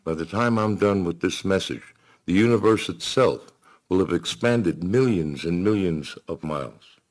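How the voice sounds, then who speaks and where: Deep-voiced man preaching a sermon. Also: unhurried, darkish tone. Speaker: pastor.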